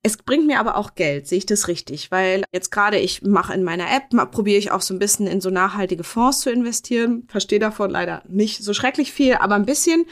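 A woman's voice: medium pitch, expressive, a little fast, few pauses. This is a woman of about forty running a casual interview. She rambles a little and jokes about herself, and she keeps her tone loose and chatty. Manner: chatty, self-mocking, asks loose rambling questions. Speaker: host.

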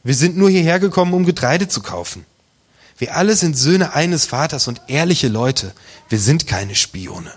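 A preacher voicing pleading frightened brothers. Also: male voice, mid-range voice, expressive, measured pace.

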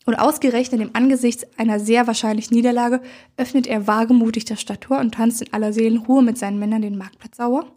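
A grumpy male troll king barks orders and scolds his warrior, as a woman reader puts him on. The voice is husky and dark, pitched a little high, with a gruff, irritable edge, like a storybook character read aloud. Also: fairly even intonation, fast, close to an everyday voice. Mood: gruff scolding. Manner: growling, scolding.

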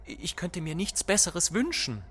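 A man's voice: high-pitched, big pitch swings, measured pace, fairly bright tone, slightly rough, voice pushed up, full character voice. A male audiobook narrator voicing a timid, nervous older man who speaks in a hesitant, anxious way. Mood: relieved.

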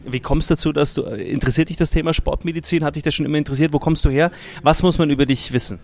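A man's voice: a little high, steady tone, rapid-fire, vocal fry, darkish tone. A man hosting an interview in a restaurant, speaking enthusiastically with many fillers. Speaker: podcast host, interviewer. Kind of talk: casual interview. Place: restaurant in Munich.

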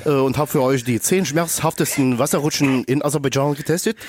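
A man's voice: mid-range voice, brisk, slight background noise, natural voice. A man playing a comic fake-French podcast host, with a mock French accent and French words sprinkled in. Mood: playful. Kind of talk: comedy sketch.

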